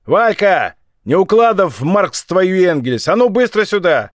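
A man voicing a hot-tempered young male thug who yells crude threats in a raised voice. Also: high voice, sing-song, unhurried, dry recording, clean studio sound, pitched above the performer's own voice. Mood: furious yelling. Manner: yelling, crude, furious.

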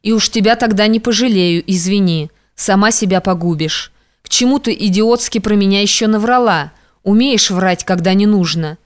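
A woman's voice: medium pitch, normal speed, close to an everyday voice. Give me a commanding, threatening young man, as a woman narrator voices him in an audiobook. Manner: harsh, commanding, contemptuous. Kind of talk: audiobook reading.

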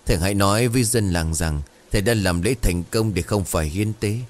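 A man voicing a desperate middle-aged village chief and worried father, in a deep, earnest, pleading tone. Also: a little fast, lightly acted.

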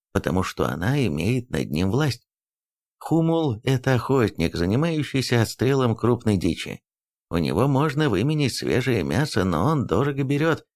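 A man reading a novel aloud as a narrator, in an even storytelling manner. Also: medium pitch, creaky. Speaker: audiobook narrator. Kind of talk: scripted narration.

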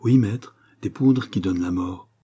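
A man reading an audiobook, voicing a loyal, earnest male servant who answers his master eagerly, in a husky voice. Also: lowish voice, measured pace, dark tone.

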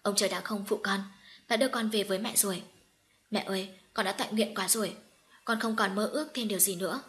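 Brief: woman reading an emotional young orphan girl in an audio story, choked voice, mid pitch. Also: quick pace, fairly bright tone, natural voice. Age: young adult. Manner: choked, sobbing.

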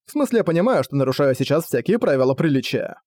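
A man's voice: a little high, sing-song, fast, darkish tone, dry recording, clean studio sound. Man reading as a flippant cunning prince. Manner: casual, mocking. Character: young male prince, cool, cunning and flippant.

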